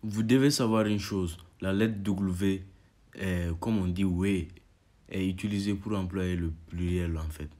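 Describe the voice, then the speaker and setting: A young man calmly explaining an alphabet lesson to viewers. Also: low voice, measured pace. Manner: calm explaining, voice jumps up loud on each letter called out. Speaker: language teacher.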